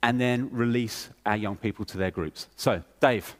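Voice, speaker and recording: A man's voice: medium pitch, normal speed. A man at a church service making an announcement and then praying fluently and earnestly for two new team members. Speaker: church leader. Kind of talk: announcements and spoken prayer.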